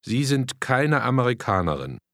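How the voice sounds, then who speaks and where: A man modeling phrases for a language course with slow, careful enunciation. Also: medium pitch, big pitch swings, fairly bright tone, dry recording, clean studio sound. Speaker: native-speaker model voice. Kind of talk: slow demonstration speech.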